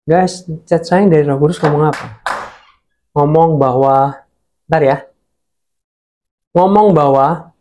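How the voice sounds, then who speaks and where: A man preaching a casual sermon, telling a story in an animated way and talking straight to his viewers. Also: on the high side, takes it slowly, long pauses.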